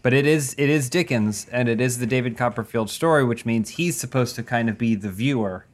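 Male co-host, middle pitch, opinionated and analytical. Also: fairly quick. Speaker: podcast co-host. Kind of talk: casual chat.

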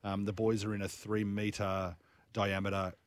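A man's voice: fairly low pitch, monotone, a little slow, slight background noise. An Australian man chatting casually and jokingly as a panellist on a radio show. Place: radio studio.

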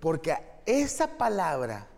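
A man's voice: fairly high pitch, huge pitch swings, takes it slowly, vocal fry, a little mellow. A man, co-hosting a comedy podcast in slangy, joking banter, laughing often. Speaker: podcast co-host. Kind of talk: joking casual chat. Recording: reverberant room with faint noise.

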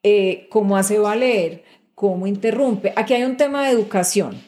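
A middle-aged woman speaks as a guest in a relaxed interview. Her pitch sits in a mid range for a woman. She explains her points patiently and keeps checking that the listener is following. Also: moderate pace. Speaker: guest executive. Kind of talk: conversational interview.

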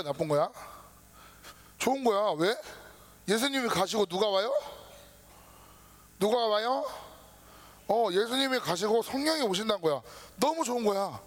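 A man preaching a casual sermon to a youth group, lively and informal, acting out his listeners' worries. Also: high-pitched. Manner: lively, talks down to students casually, acts out their worries. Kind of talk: sermon to teenagers.

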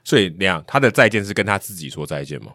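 Low, lively co-host cracking jokes. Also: male voice, dry recording, clean studio sound. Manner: quick quips and jokes. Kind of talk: casual sports chat.

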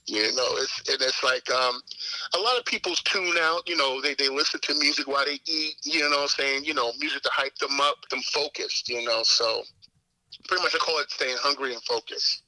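A man's voice: medium pitch, fairly quick, bright, forceful tone, no room sound, rough recording. A man, talking casually as a guest in an interview, rambling with lots of "you know what I'm saying". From Queens, New York. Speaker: competitive eater guest.

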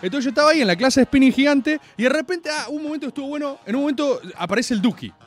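A man with an Argentine accent and a strikingly high voice delivers an exasperated comic rant to his viewers. His pitch leaps around constantly as he mocks and mimics the crowd, with faint music behind him. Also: animated, racing. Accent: Argentine Spanish.

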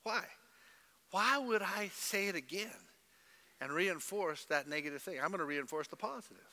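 A middle-aged pastor preaches with a bright, forceful voice and a slightly high pitch. He swings between loud emphasis and low, pointed asides, now and then mimicking people in an exaggerated voice. The sound carries a long church-hall reverb. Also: lively intonation, moderate pace. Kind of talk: sermon.

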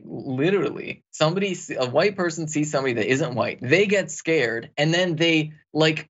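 Earnest male co-host, dull sound. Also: fairly high pitch. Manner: earnest, heavy use of "like". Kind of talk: casual political commentary.

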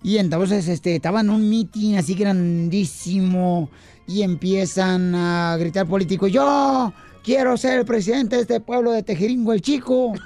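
A man hosting a comedy radio show, telling jokes as an animated storyteller. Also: sits high, gravelly. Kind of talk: joke-telling radio banter.

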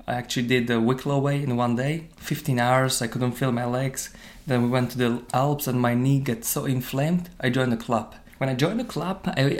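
A man from Slovakia who speaks English as a second language, a personal trainer telling his story in an interview in a thoughtful way with many fillers. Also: mid-range voice. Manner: non-native phrasing, thoughtful with many fillers.

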